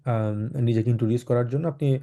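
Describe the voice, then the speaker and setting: Lecturing students online in German, a Bangladeshi man in his 20s talks in a loose, filler-heavy way, spacing out his model sentences slowly and clearly. He has a mellow, medium-pitched voice.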